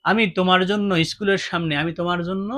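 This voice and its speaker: A man's voice: high-pitched, flat delivery, quick pace, bright, forceful tone. A man teaching English grammar, asking his students questions and repeating each point. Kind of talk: classroom-style grammar lesson.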